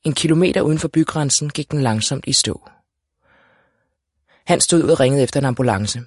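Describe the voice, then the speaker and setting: A man's voice: medium pitch, dry recording. Man reading a storybook aloud, dry sound. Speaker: audiobook narrator. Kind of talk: first-person storybook narration.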